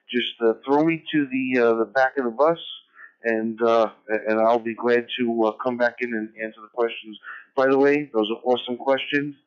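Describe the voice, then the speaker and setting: A man on a ham radio net gives loose, rambling announcements, stopping and restarting with fillers. His voice is clean and of middling pitch. It arrives through a dull, muffled radio transmission. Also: clear, resonant tone. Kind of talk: casual on-air net announcements.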